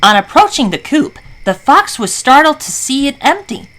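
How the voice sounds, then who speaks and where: Very animated woman storyteller. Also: high-pitched, normal speed. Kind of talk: animated scripted children's story narration. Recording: faint background noise.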